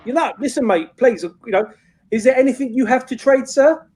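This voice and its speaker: A man's voice: very high-pitched, brisk, darkish tone. A man hosting a casual livestream in a matey, rambling, sweary way. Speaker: livestream host.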